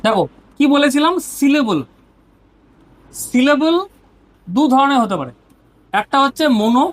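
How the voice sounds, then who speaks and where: A woman's voice: sits high, expressive, unhurried. A woman teacher with a Bengali accent explaining grammar step by step and often checking that her students are following. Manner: explains step by step, often asks "ঠিক আছে?".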